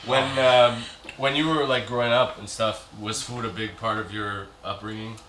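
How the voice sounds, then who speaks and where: A man's voice: medium pitch, moderate pace, echoey room, recorded from a distance, a little hiss or hum, rough recording. A man hosting a casual food chat, asking his guest questions. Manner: asks questions, relaxed and joking. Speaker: host.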